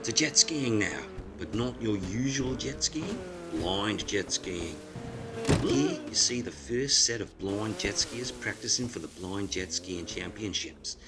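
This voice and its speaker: A man's voice: fairly low pitch, animated, takes it slowly, over loud music. A man playing a crude, sarcastic sports reporter on a spoof news show.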